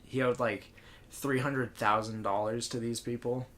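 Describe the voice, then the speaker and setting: A man's voice: medium pitch, steady tone, a little slow, a bit bright, a little hiss or hum. Man joking on a casual podcast. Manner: joking, laughs often. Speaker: podcast co-host. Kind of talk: casual chat.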